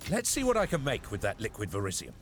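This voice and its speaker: A man's voice: lowish voice, wildly swooping pitch, fast, background noise. An actor playing a confident, encouraging male crafter in a video game, talking with hearty assurance. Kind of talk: video game character dialogue. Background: game music.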